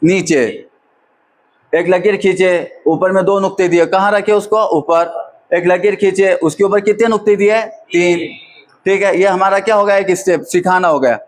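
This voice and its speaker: A high-voiced man drilling a class. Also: fairly even intonation, moderate pace. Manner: patient question-and-answer drilling. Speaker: teacher trainer. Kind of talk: classroom teaching demonstration.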